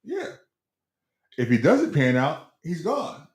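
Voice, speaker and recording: A man's voice: on the high side, huge pitch swings, slow pace. A middle-aged man co-hosting a casual sports talk show, hedging and stumbling over repeated words as he tells stories. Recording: roomy echo.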